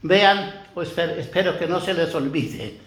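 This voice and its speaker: An older male priest gives a homily in a slow, unhurried voice that sits a little on the high side. He speaks to the listeners as if chatting with them and keeps asking them rhetorical questions. The sound rings through a roomy, echoey church hall. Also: a bit bright.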